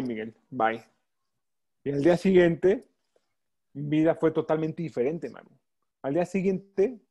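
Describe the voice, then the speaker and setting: A young man with a Mexican accent talks through a personal story as an interview guest, voicing his own inner arguments in quotes. His voice sits higher than most men's, with a dark, mellow tone. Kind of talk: personal testimony.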